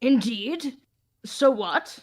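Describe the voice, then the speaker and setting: A woman acts out a stern, fussy older judge in a live fan voicing of a game, keeping a formal, measured courtroom tone. Her voice sits somewhat high, and game music runs behind it. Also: expressive, noisy background. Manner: formal, deliberate.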